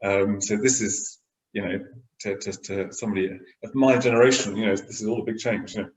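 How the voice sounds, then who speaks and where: A man's voice: fairly low pitch, steady tone, a little fast, darkish tone. A middle-aged man hosting a casual chat, talking loosely with lots of fillers. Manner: chatty, many "you know" fillers. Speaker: host. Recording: roomy echo.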